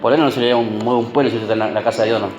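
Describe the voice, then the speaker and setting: A man's voice: mid-range voice, steady tone, racing, reverberant, soft background music, rough recording. A man preaching a sermon. He keeps checking in with the congregation through short tag questions and repeats words for emphasis.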